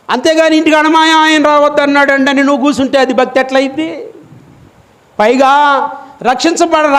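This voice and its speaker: A man preaching a fiery, scolding sermon as pastor, voice climbing to shouts. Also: extremely high pitch. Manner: scolding, emotional, rises to shouting; acts out congregation members in quoted asides.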